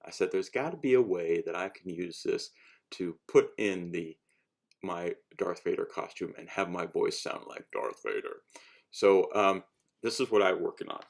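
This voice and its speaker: Showing homemade gear in a relaxed hobbyist tutorial, this man has a deep, gravelly voice and an animated delivery at normal speed. He rambles, sounds hesitant, and keeps interrupting himself to restart.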